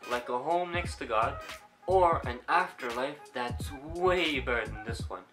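A man narrates a comedic vlog in a bright, forceful voice, delivering wry, punchy asides. His pitch sits in the middle range, and faint music plays underneath. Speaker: host.

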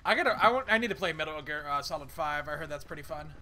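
A man with a high-pitched voice banters on a game stream. He is blunt and profane, telling teammates what to do. Clear game noise sits behind him. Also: lively intonation, fast talker. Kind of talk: casual gaming banter. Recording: noisy game sound behind.

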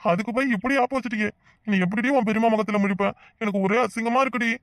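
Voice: medium pitch, fairly even intonation, fast, natural voice. A voice actor playing a hot-tempered, easily flustered young village husband in a cartoon comedy, with a Tirunelveli Tamil accent and scolding, exasperated rants.

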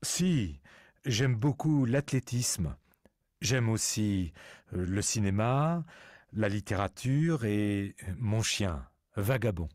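Older journalist, slow, dry sound. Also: male voice, on the low side, lively intonation, darkish tone, dry recording. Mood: calm. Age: 60s. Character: older male journalist quiz contestant.

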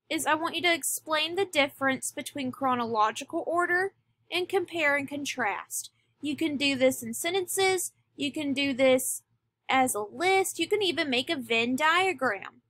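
A woman teacher giving a recorded lesson, speaking deliberately and stressing key words. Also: sits high, bright, forceful tone. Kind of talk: recorded classroom lecture.

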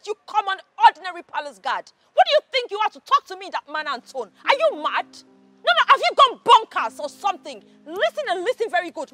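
A woman's voice: extremely high pitch, full character voice. Haughty, insulting noblewoman. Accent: Nigerian. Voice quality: sharp and insulting.

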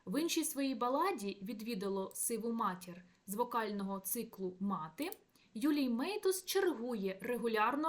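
A young adult woman giving a read academic talk, measured, reading quoted verse lines aloud with marked stresses. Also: on the high side, fairly bright tone. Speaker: academic presenter.

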